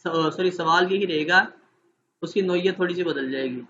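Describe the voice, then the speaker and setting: A man's voice: sits high, fairly bright tone, dull audio, a little hiss or hum. A man training teachers in an online class, explaining steps patiently and often checking that his listeners follow.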